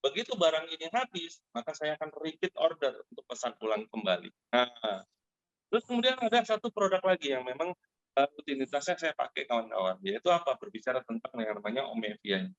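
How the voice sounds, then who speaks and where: On a dull, dry call with no echo, an animated man hosting a Zoom meeting gives a casual testimonial about a product to an online group. He speaks briskly at a medium pitch, telling his story to listeners he calls friends and using lots of fillers.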